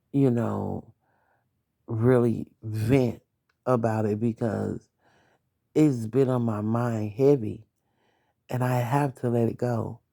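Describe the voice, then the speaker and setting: A woman's voice: very deep voice, creaky, warm tone. A young adult woman hosting a late-night podcast, venting bluntly about her ex, swearing and talking straight at him. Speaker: podcast host.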